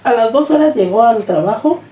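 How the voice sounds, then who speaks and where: A Mexican woman shares her personal testimony as an interview guest, bringing each quoted exchange to life. Her voice is mellow and dark-toned. It sounds roomy and a bit distant, with faint noise underneath. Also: a little high, a little fast. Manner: animated retelling, acts out quoted dialogue.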